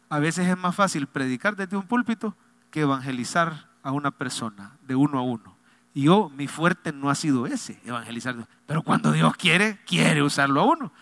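Bright-voiced pastor preaching. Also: male voice, fairly high pitch, no room sound. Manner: humorous, confiding, addresses congregation directly. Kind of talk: sermon with personal storytelling.

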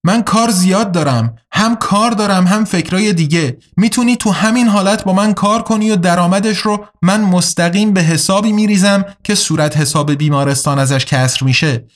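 A man voicing a calm, soft-spoken hacker in an audiobook, speaking quietly and evenly. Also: high voice, voice pushed up, close to an everyday voice. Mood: calm, earnest. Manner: quiet, measured, composed. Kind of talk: audiobook character reading.

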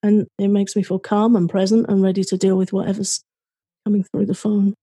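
A woman co-hosting a podcast, giving calm self-help advice in a conversational way. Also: medium pitch, brisk, breathy edge, dry recording. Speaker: podcast co-host.

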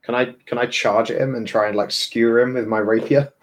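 A man's voice: medium pitch, steady tone, brisk, a little hiss or hum. A man chatting casually as a player in a tabletop role-playing game.

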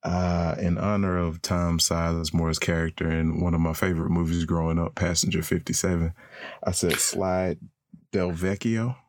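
A man with a deep, low voice answers quiz questions with dry, understated humor. His voice sounds close and dead, with no room around it. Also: level tone, moderate pace, no echo. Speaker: quiz contestant. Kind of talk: casual podcast banter.

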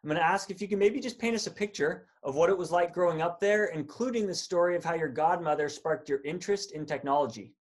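A man's voice: high-pitched, quick pace, few pauses. A man hosting an interview podcast, reading a friendly scripted intro before chatting with his guest on a video call. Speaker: podcast host.

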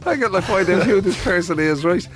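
High-pitched Irish man hosting breakfast radio. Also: fairly quick, fairly bright tone. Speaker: radio co-host. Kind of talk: casual breakfast radio chat. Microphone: studio microphone.

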